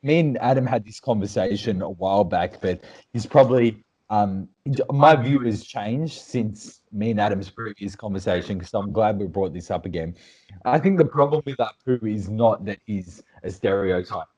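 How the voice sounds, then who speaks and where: Casting: male podcast co-host, lowish voice, opinionated, long rambling takes with filler words. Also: moderate pace, darkish tone, husky, low-quality recording. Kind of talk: casual panel chat.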